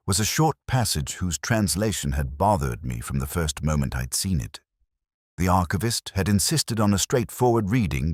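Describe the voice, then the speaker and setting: In a scripted first-person detective story, a man with an extremely low voice plays a brooding, world-weary police detective recounting a case. His delivery is measured, literary, and solemn, yet his pitch moves expressively through each phrase. The recording is dry and close, with no room sound.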